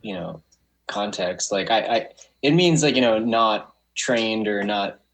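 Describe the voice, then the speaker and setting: A man's voice: fairly low pitch, expressive, a little slow, fairly bright tone, a little hiss or hum, rough recording. A man from the United States, a record label guest on a podcast, who rambles and thinks aloud, using "like" constantly. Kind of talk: casual podcast interview.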